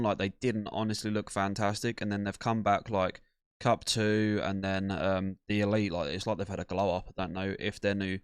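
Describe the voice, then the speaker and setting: A man's voice: lowish voice, smooth, no room sound, clean studio sound. A man hosting a casual podcast, chatting loosely with rambling asides. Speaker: podcast host.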